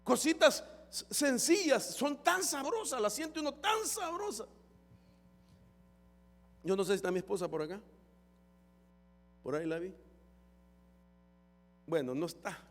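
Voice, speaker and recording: A man's voice: very high-pitched, big pitch swings, measured pace, pauses often, faint music behind. A man preaching a fervent sermon as pastor, often calling his listeners brother. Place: church hall. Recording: long church hall reverb.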